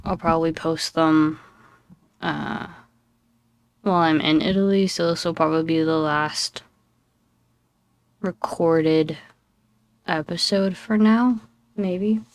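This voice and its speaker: A young woman who hosts a gaming channel offers casual commentary while playing, drawling slowly in a somewhat low voice that's a little scratchy from just waking up. She rambles, apologizes and teases herself, her tone steady, and the sound is dry and close with no room sound.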